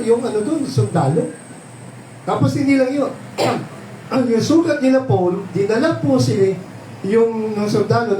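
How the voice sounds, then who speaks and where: A man's voice: sits high, dark tone, roomy sound, recorded from a distance, a little hiss or hum, low-quality recording. A man preaching a Bible sermon at a prayer meeting, explaining patiently and often checking in with the congregation by asking them questions. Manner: explains slowly, asks "di ba?" often, mixes in English phrases. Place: church hall.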